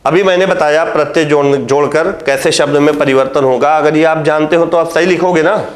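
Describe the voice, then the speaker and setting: A man gives a Hindi grammar lesson for an exam course in a somewhat high voice. He works through each point step by step and keeps asking the class whether it is clear. The room around him echoes. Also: steady tone, fairly quick. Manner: explains step by step, often asks the class if it is clear. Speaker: exam coaching teacher.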